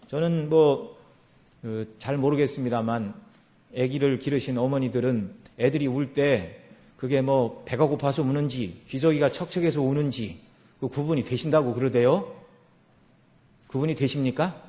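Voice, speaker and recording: Korean pastor preaching in conversational tones. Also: male voice, fairly high pitch, darkish tone. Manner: conversational preaching with frequent filler affirmations. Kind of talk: sermon. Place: church sanctuary.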